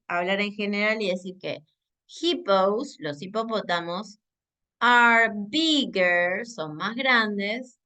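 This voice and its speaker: Woman, English teacher, slow careful delivery, bright voice, checks in often. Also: mid-range voice. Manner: slow, deliberate explanations with frequent checking "¿sí?". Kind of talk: recorded grammar lesson.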